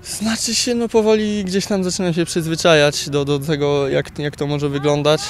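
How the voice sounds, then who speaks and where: A young footballer in his twenties answering interview questions outdoors beside a pitch, halting with many repeated words. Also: level tone. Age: 20s. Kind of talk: post-training interview. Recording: faint outdoor noise.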